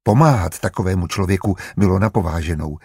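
A man narrating an audiobook in a measured, even storytelling manner. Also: sits low, vocal fry, slightly rough, no echo, clean studio sound.

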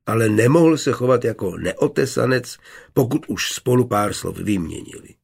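Gravelly, husky male narrator. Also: mid-range voice, a little mellow. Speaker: audiobook narrator. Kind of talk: scripted narration.

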